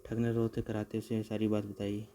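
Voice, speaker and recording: Male narrator for an animated comic, steady and flat, faint hiss underneath. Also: fairly low pitch, normal speed. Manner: steady storytelling.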